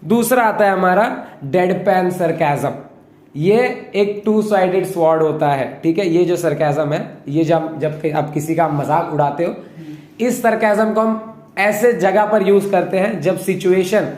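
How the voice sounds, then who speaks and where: A man's voice: high-pitched, a little slow, a little mellow. A young man hosting a casual talk, explaining things and constantly checking in with his listeners. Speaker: host explaining a topic. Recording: echoey room.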